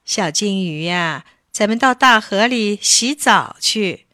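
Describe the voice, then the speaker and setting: A woman's voice: medium pitch, lively intonation, takes it slowly, sharp tone, no echo, clean studio sound. A woman reading a children's storybook, voicing an old grandmother goldfish who coaxes and scolds. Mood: coaxing. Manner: scolding, motherly.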